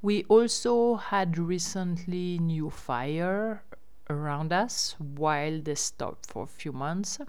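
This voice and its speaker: Female host, deep clean tone, informal update delivery. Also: slow, darkish tone, smooth. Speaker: host running a riverside lodge and campsite. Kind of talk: casual spoken news update.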